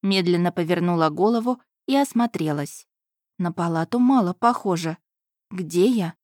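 A woman's voice: fairly low pitch, animated, normal speed, a little mellow, no echo, studio quality. A woman narrating an audiobook in the first person with a wry, sardonic tone.

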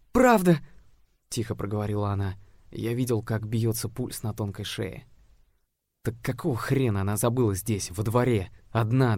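A man reads a first-person audiobook in a fairly low, steady voice with a measured pace. The recording is close and dry, with no room sound. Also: no echo. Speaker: audiobook narrator.

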